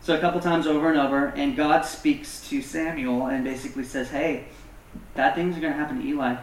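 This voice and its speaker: A man's voice: on the high side, steady tone, fairly quick, a little hiss or hum. A man preaching a casual, self-deprecating sermon as pastor, with many fillers. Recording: echoey room, distant mic.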